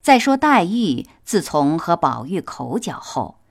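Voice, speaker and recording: Brief: woman storyteller for kids, unhurried, lively melodic reading. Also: fairly low pitch. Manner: expressive, measured.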